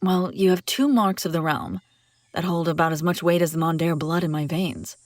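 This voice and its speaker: In a dry recording, a woman's lowish, darkish voice moves at a moderate pace with fairly even intonation, close to how she'd normally talk. She acts one side of an immersive audio roleplay as a commanding, wry escaped princess, addressing the listener dramatically and expressively in a puzzled, probing mood.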